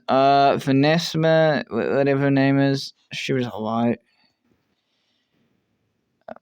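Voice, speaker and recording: A man's voice: mid-range voice, no echo, studio quality. A man ranking show contestants in casual commentary. He rambles, swears casually, and often trails off and restarts his sentences. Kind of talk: casual commentary while making a tier list.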